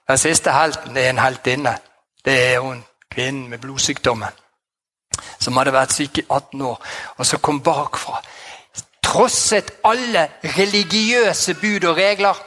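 A man preaching a sermon in a lively, exclamatory way, chuckling often and dropping in amens and hallelujahs. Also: medium pitch.

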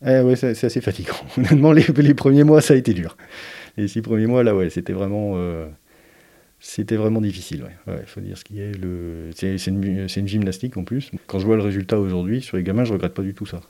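During an interview, a father or mother figure, a man, reflects slowly on family life in a low, soft, warm and dark voice. He pauses often and uses frequent fillers while hunting for words. His manner is hesitant and thoughtful, never hurried.

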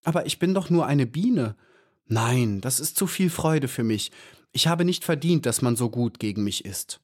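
A man reading an audiobook and voicing a small, eager young female bee who talks with breathless excitement. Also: medium pitch, moderate pace, husky, no room sound, clean studio sound. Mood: overwhelmed.

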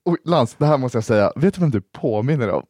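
A man's voice: medium pitch, lively intonation, darkish tone, no echo, studio quality. A young man co-hosting a podcast, chatting casually in a playful, teasing way. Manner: playful, teasing, jumpy delivery. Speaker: podcast co-host. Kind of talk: casual chat.

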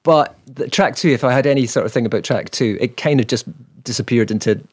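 A man's voice: mid-range voice, fast talker, slightly rough, no echo, clean studio sound. A man co-hosting a podcast, reviewing an album in rambling, chuckling casual chat. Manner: rambling, repeats words, chuckles often. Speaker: podcast co-host.

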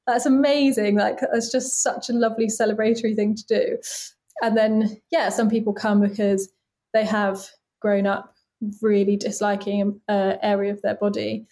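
A woman's voice: mid-range voice, little pitch movement, normal speed, mellow. A woman in her late twenties, a body casting artist, talking openly and earnestly in a casual interview, with many "like" fillers. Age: late 20s.

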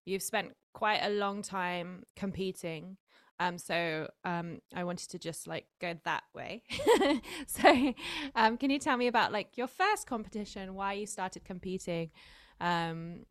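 A woman hosting a casual interview, with a morning voice and a frog in her throat, easygoing and quick to agree. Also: mid-range voice, animated, no room sound, clean studio sound. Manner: easygoing, quick to back-channel and laugh. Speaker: podcast host, pole coach.

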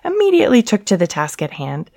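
A woman hosting her own podcast, reading a romance short story aloud in a measured, deliberate way with playful emphasis. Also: mid-range voice, huge pitch swings, creaky, dark tone, no echo, clean studio sound. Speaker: podcast host and story narrator. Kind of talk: scripted romance story narration.

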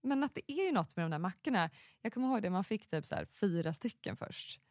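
A woman in her thirties hosting a casual chat, talkative and quick to exclaim. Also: mid-range voice, dry recording, clean studio sound. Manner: chatty, animated, quick to exclaim.

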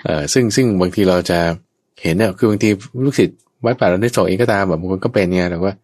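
A man's voice: low voice, fast, darkish tone, no echo, clean studio sound. A man, a Buddhist monk teacher, explains the teaching patiently and keeps checking that his listener understands. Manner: acts out others' speech in a raised voice. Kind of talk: dhamma teaching dialogue.

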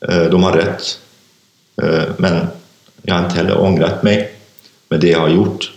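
Casting: man with a very deep voice, halting testimony, recorded in a reverberant room. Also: fairly even intonation, vocal fry, a little mellow. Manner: halting, many fillers and restarts. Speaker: interview guest, author. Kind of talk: personal testimony in an interview. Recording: echoey room.

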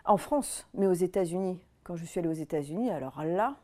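A woman's voice: on the low side, animated, a little fast, a little mellow. A woman in her thirties, an interview guest, talking candidly and reflectively with frequent hesitations. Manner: reflective, hesitant with many fillers.

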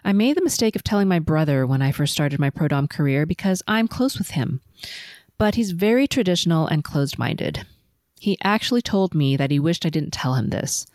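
A middle-aged woman from Los Angeles hosting a solo podcast, telling her life story in a measured, composed, prepared way. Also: sits low, lively intonation, a little mellow, no echo, clean studio sound. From Los Angeles, USA. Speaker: podcast host. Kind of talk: autobiographical solo podcast narration.

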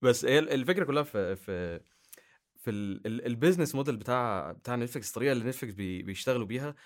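A man from Egypt with an Egyptian Arabic accent, a guest on a podcast, talking in a halting way with many restarts. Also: mid-range voice, animated. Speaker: guest, YouTuber. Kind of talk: casual podcast chat.

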